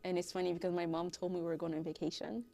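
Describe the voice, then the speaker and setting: A woman in her thirties from Haiti tells her story as a guest on a talk show, laughing often as she goes. Her voice sits a little low for a woman, and her telling is lively. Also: racing, gravelly, no room sound. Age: 30s. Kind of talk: casual interview.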